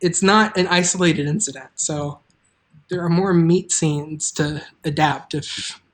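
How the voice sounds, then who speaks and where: The host and creator of an audio drama chats casually on a livestream, making loose, informal announcements that trail off mid-thought. The voice is medium-pitched and unhurried.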